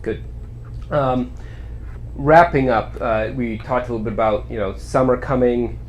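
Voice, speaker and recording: A man with a mid-range voice hosts an informal community update. He is conversational and halting, circling around before he gets to each question. A little noise sits behind him. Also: mid-range voice, steady tone, muffled recording. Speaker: host.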